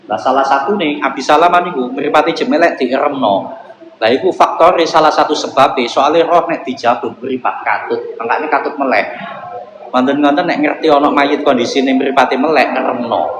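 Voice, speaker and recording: A man, mid-pitched and unhurried, leads a kitab lesson. He repeats each Arabic phrase and its gloss before explaining it. The voice carries a long hall reverb over steady background noise. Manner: slow, measured glossing in Javanese, repeating each phrase, then plain explanation. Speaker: Islamic boarding school teacher. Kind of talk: traditional kitab recitation lesson, Arabic text glossed word by word.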